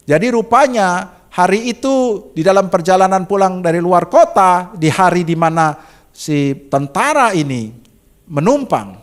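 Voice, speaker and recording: Indonesian pastor, middle-aged man, high voice, story-driven sermon with big dynamic swings. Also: animated, measured pace. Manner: dramatic swings from soft to loud and high; addresses congregation as "saudaraku".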